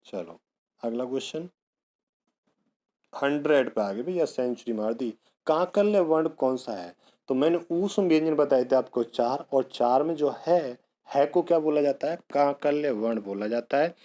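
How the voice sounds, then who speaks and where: Warm-voiced male grammar teacher quizzing himself. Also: medium pitch, animated, normal speed. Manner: asks questions and answers them himself; addresses students fondly as bhaiya and beta. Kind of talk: exam-prep lesson.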